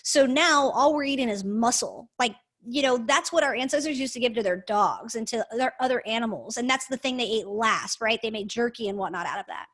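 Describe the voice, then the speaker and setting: A woman with a fairly high voice co-hosts a podcast in a casual, enthusiastic way, stressing and repeating words for emphasis. Her microphone has a hallway echo, so the voice sounds like it comes from an echoey indoor space. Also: animated, fairly quick, hardly any pauses, a bit bright. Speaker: podcast co-host.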